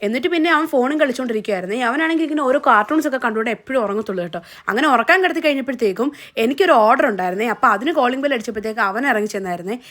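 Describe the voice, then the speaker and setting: A woman's voice: a little high, lively intonation, rapid-fire, a bit bright. A young woman, narrating a family vlog in a chatty, casual way. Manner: chatty, often adds a tag question. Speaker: vlogger.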